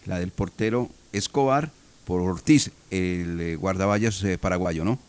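A man, directing a sports radio talk show in a brisk manner. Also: low voice, clear, resonant tone, dry recording.

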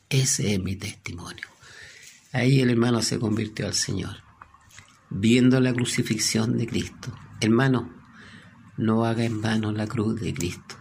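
A man preaching a sermon, telling a story and dropping to a hushed voice at its moving moments. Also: medium pitch, gravelly, slight background noise.

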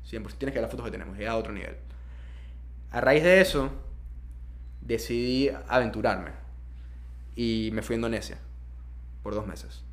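A man's voice: medium pitch, moderate pace, long pauses. A young man with a Panamanian accent, casually telling personal stories as a guest, with slang and English words mixed in. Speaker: interview guest.

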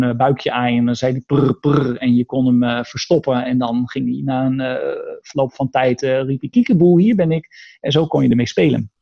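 Male interview guest, dark gravelly voice, thoughtful and halting, muffled recording. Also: medium pitch. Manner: thoughtful, hesitant with many fillers and restarts. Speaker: guest, artist and robot researcher. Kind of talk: conversational interview.

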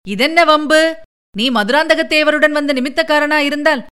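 A woman voicing a sly, quick-witted man who presses others with quick questions in an audiobook story. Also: high voice, fairly bright tone, pitched above the performer's own voice. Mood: urgent.

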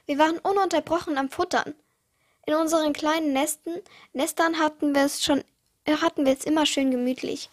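A woman's voice: sits high, steady tone, fairly quick. A teenage girl reading her own short stories aloud for her podcast, with small slips and restarts. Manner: reads with small slips and restarts, uneven pace.

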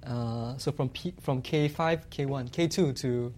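Relaxed Singaporean man, casual chat. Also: medium pitch, measured pace. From Malaysia. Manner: relaxed, often trailing off with "lah". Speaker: guest cartoonist.

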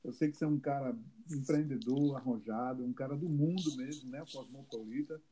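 Mellow-voiced male show host. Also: mid-range voice, slight background noise, low-quality recording. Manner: friendly, encouraging, drawn-out questions. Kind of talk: casual radio interview.

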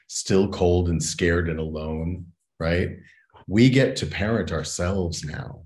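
A man's voice: low voice, darkish tone. A man talking as an educator and consultant in an interview, earnest and reflective, often checking in with "right?". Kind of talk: interview conversation.

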